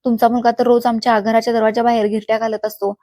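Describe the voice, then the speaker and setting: Woman doing a harsh stepmother, sneering and cruel, flat dry read for a spoken story. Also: a little high, fast talker, dry recording, natural voice. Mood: scornful. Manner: harsh, taunting, insulting. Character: cruel scornful middle-aged stepmother.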